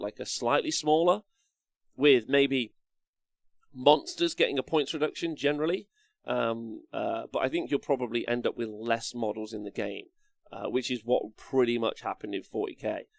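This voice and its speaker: A man's voice: medium pitch, moderate pace, vocal fry, no echo. Casual man chatting on a dry mic. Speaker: streamer host reading and answering live chat. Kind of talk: casual livestream chat about tabletop wargaming.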